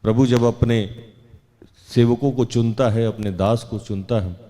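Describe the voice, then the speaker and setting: A man preaching a sermon, reading scripture slowly and deliberately and then preaching with rising emphasis. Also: mid-range voice, steady tone, mellow, in a large hall. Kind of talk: Hindi sermon with Bible reading.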